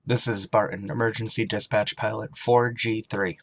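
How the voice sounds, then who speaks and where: An actor playing a gruff, tormented emergency ship pilot in a radio drama, terse and weary under strain. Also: male voice, lowish voice, level tone, moderate pace. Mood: tense, formal. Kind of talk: radio drama acting with narrated inner monologue.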